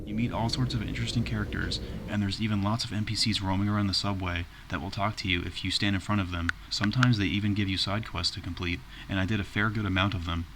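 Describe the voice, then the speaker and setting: A man's voice: fairly low pitch, steady tone, fast, hardly any pauses, over music. A man narrating a video game review in an informal, plainspoken way.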